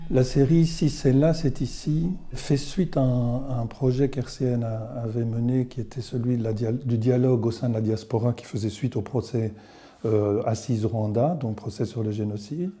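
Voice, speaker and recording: A man explaining a project in a measured, slow way, correcting himself at times. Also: mid-range voice, fairly even intonation, warm tone. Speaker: project organizer. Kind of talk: explanatory interview.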